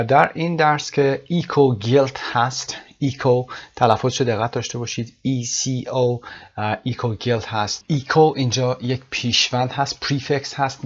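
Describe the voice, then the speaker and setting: A man teaching an English lesson in a recording with a slightly dull, lo-fi sound. He explains terms patiently and reads the English passages slowly and carefully, in a mid-pitched voice.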